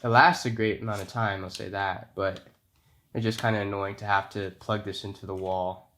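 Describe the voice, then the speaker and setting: A man's voice: lowish voice, level tone, normal speed, fairly bright tone. A man giving a casual, conversational camera review, his voice affected by being sick. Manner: informal, conversational.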